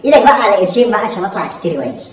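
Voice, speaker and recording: A woman's voice: medium pitch, very animated, far from the mic, close to an everyday voice. A woman with an Egyptian accent playing a greedy, cheeky young son in a home comedy sketch, pleading and repeating herself. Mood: wheedling. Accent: Egyptian Arabic. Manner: wheedling, pleading, rapid-fire repetition. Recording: echoey room, voice off-mic.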